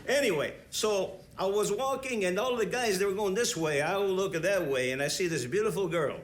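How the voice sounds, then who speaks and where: A man doing a rambling Italian bandleader, chatty and halting, with a thick Italian accent and a fairly high voice. He stumbles through his stories on a comedy show with a faint noise bed behind him. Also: lightly acted. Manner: rambling, halting, full of fillers. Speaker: band leader.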